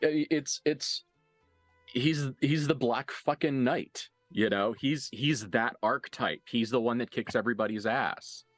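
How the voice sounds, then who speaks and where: A man acts as game master for a tabletop role-playing game, improvising both narration and character dialogue in a casual, halting style full of swearing. His voice is medium in pitch, with no echo and soft music playing in the background.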